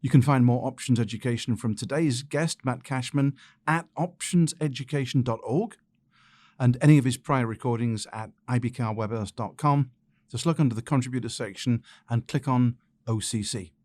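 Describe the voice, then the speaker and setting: A man's voice: medium pitch, normal speed, a little mellow. A man hosting a trading podcast in casual conversation, often repeating words as he starts a sentence. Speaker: podcast host. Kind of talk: casual interview chat.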